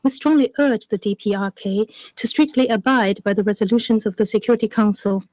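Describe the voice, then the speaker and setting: A woman interpreting a diplomat's statement as a voice-over, speaking in a measured, formal way. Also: mid-range voice, a little mellow, no room sound, low-quality recording. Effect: interpreter's voice-over translating a diplomat.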